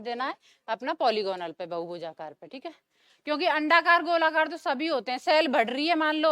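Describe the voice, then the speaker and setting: A woman's voice: high-pitched, a bit bright, clear, resonant tone, dry recording, studio quality. A young woman teaching a classroom lecture, asking the class questions and answering them herself, repeating the key terms.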